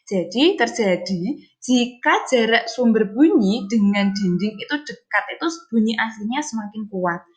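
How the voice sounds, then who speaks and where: A woman's voice: a little high, animated, moderate pace. An elementary school teacher, a woman, giving an online science lesson to children, repeating key points and asking her pupils questions.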